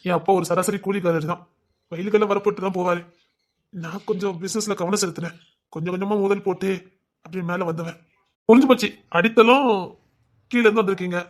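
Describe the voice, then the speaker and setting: Male storyteller with a high-pitched voice who voices all the parts of a dramatic audio story. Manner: wondering, questioning, then conversational dialogue.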